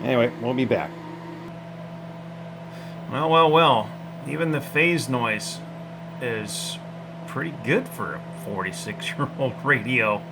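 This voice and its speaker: Slow and given to long pauses, this medium-pitched man demonstrates something technical as a hobbyist, folksy and unsure, musing aloud as he works. The background is noisy.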